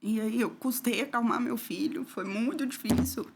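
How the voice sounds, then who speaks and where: A woman's voice: normal speed, creaky, heavy background noise. Brazilian woman telling a painful story. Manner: tearful, voice drops low and soft at painful moments. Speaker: interview guest. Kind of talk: emotional personal testimony.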